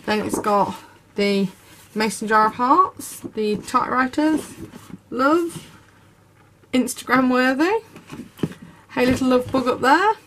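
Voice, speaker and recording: A woman's voice: high voice, slow, pauses often, background noise. A woman, narrating a craft unboxing video with gushing enthusiasm. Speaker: craft YouTuber. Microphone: camera over tabletop, speaker off screen.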